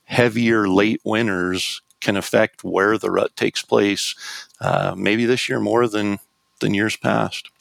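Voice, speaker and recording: Gravelly, low-voiced man giving casual advice. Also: steady tone, slow pace, fairly bright tone, no room sound, low-quality recording. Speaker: elk hunting expert.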